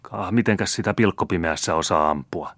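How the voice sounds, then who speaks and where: Man doing a timid young student, hesitant, low voice, dry close sound, storybook. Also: fairly bright tone, dry recording. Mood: grumbling. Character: young male student, timid and peace-loving.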